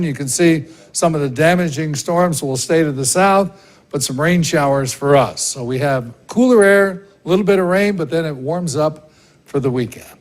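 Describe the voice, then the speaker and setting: Higher-pitched male weather presenter. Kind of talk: conversational weather forecast.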